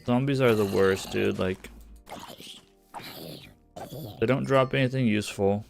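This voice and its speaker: This survival-game streamer talks fairly quickly in a lowish, gravelly, darkish voice, keeping up casual chatter and self-directed muttering. When things go wrong he swears under his breath, with lofi music faint in the background.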